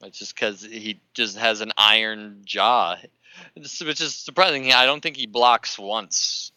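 A man with a lowish voice and a very bright, crisp tone riffs with a co-host in a casual movie talk, making jokes and laughing often. His voice is smooth and close, with a dry sound. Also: unhurried, no room sound, poor audio. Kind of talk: casual chat.

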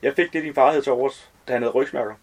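A man's voice: mid-range voice, natural voice. Chatty, slangy fortyish man, nosy and overly familiar, read by a male author.

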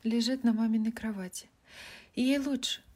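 A woman's voice: on the high side, fairly even intonation, moderate pace, darkish tone, pitched above the performer's own voice, natural voice. A woman voicing an earnest, caring older sister in a storybook reading.

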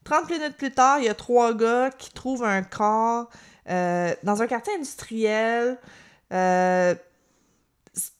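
Chatty Québécoise podcast host. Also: female voice, a little high, slow pace, clean tone. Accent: Quebec French. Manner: animated, chatty, with many fillers. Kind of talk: casual storytelling chat.

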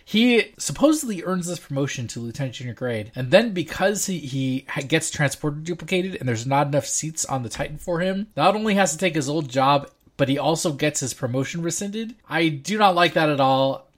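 A man hosting a casual podcast discussion, chatty and animated, laughing often. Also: on the high side, brisk, hardly any pauses. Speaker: podcast host.

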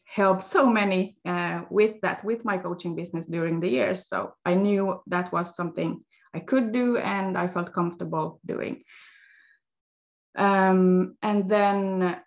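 Her speech comes slowly and with hesitation as she hunts for the right words, telling stories as an interview guest who works as a health coach. She's a first-language Swedish speaker with a lowish, fry-tinged gravelly voice, and the recording sounds dull and lo-fi.

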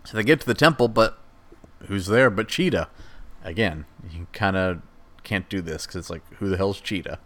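A man's voice: low voice, moderate pace, fairly bright tone. A man hosting a podcast, casually recapping a movie plot in a rambling, chatty way and voicing the characters' lines as he goes. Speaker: podcast host.

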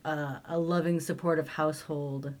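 Low-voiced woman chatting about a film. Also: fairly even intonation, normal speed. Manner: chatty, acts out movie lines. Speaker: podcast co-host. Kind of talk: casual chat.

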